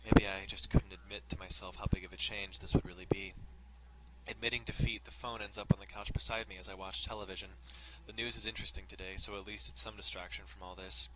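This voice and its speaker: Speaking quickly in a low voice with little pitch movement, a man reads a visual novel aloud as a let's player. He's casual and cracks sweary jokes along the way, all over loud music that makes the clip very noisy.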